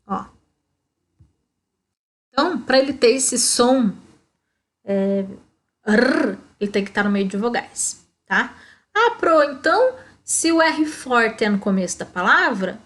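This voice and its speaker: Teaching primary schoolchildren, this Brazilian woman speaks with a Brazilian Portuguese accent in a slightly high, somewhat bright voice. She goes slowly and step by step, scattering "ó" throughout and checking in with "tá?".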